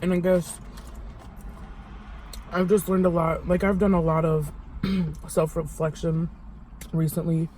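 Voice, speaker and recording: A young adult woman talking to camera in a confessional vlog, halting and vulnerable, with many fillers and restarts. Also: on the low side, flat delivery, mellow, a little hiss or hum. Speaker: vlogger.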